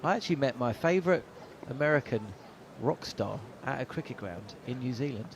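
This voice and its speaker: A man's voice: medium pitch, expressive, fairly quick, slight background noise. A middle-aged man doing ball-by-ball cricket commentary from a commentary box, mixing play calls with rambling anecdotes and plenty of uh fillers. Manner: chatty, anecdotal, frequent uh fillers.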